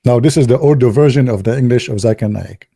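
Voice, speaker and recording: A man chats playfully to his viewers, teasing and joking with loose, non-native English phrasing. His voice is mellow and mid-pitched, recorded close and dry. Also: quick pace, gravelly, husky, no room sound. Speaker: video commentator. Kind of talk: joking commentary.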